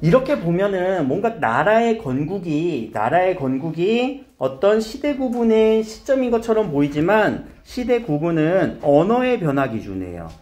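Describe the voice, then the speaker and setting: A man teaches a class in a fairly high voice that swings widely up and down. He keeps firing questions at his students and nudging them toward the answers. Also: big pitch swings, normal speed, hardly any pauses, a little mellow. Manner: asks students questions and coaxes answers, repeats key terms. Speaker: high school Korean teacher. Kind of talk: classroom grammar lesson.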